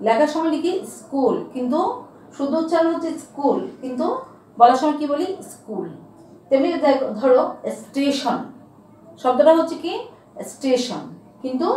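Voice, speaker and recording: High-voiced woman teacher in an echoey room. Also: darkish tone, far from the mic. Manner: asks questions and answers them herself, repeats key terms slowly. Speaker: school teacher. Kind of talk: grammar lesson to students.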